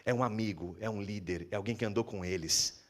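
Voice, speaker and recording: A man with a Brazilian Portuguese accent preaching a sermon in a church, telling the story vividly and acting out dialogue in a lowered voice. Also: brisk. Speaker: pastor.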